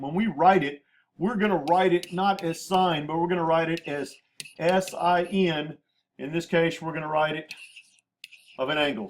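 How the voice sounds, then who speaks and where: Higher-pitched man teaching a math lesson. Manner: patient, repeats terms, spells out abbreviations. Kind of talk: classroom lecture at a whiteboard.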